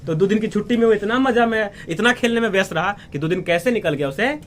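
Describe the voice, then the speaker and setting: A man's voice: high voice, animated, a bit bright. A man, teaching a class story line by line and asking his students questions. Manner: explains slowly, asks questions and answers them himself. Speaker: English teacher. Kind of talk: line-by-line lesson explanation.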